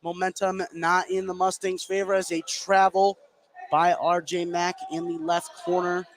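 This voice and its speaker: Over clear background noise from a live radio broadcast, a sports announcer calls basketball play-by-play. His high voice shows little pitch movement and keeps a moderate pace as he narrates the action in short, clipped present-tense phrases.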